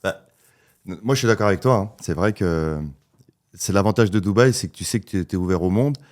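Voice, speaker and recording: A man's voice: on the low side, brisk, a little mellow. A man co-hosting a casual podcast conversation, agreeable and hesitant, full of fillers and repeated words. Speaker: podcast co-host.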